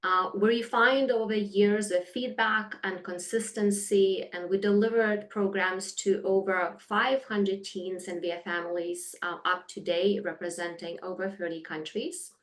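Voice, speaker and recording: A woman's voice: medium pitch, fairly bright tone. A woman from Lithuania, a company founder, presenting a webinar over a video call in an earnest way, with many "um"s and slightly phrasing.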